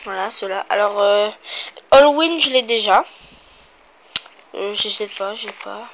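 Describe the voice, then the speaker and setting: A woman's voice: medium pitch, measured pace, a bit bright. A female vlogger in a casual show-and-tell home video who chats to viewers, mutters to herself while counting and often corrects herself. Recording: noisy home recording.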